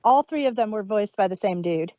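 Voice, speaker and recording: Animated and a bit quick, this woman speaks at medium pitch with a dark tone, co-hosting a podcast that reviews an audio drama. Her chat is casual, full of laughter and sentences that trail away, captured on a dry, dull, muffled recording.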